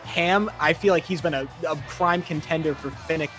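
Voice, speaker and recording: A man doing color commentary with a slightly high voice, talking through the game in relaxed, analytical chat with plenty of fillers. Faint music plays behind him. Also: moderate pace. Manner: chatty analysis with frequent filler words.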